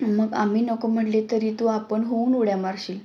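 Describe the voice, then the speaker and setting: A woman's voice: fairly high pitch, level tone, moderate pace, highs cut off, natural voice. A woman voicing a reassuring village boy who urges his friend on, in a storybook reading.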